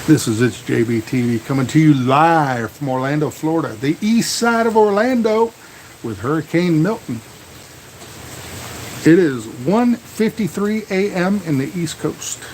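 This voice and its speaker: A man's voice: a little high, a little slow, a little mellow, slight background noise, rough recording. An American man chatting casually on a live stream, rambling in a folksy way and repeating words. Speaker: livestream host. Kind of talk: casual live storm vlog chat. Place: outdoors near a truck in rain.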